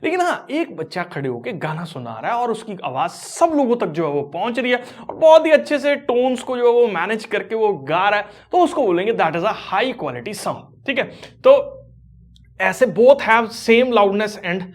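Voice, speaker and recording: A man's voice: high-pitched, very animated, normal speed. A man teaching a school physics lesson, explaining terms step by step. He mixes terms into his talk. He leans on the same filler phrases again and again.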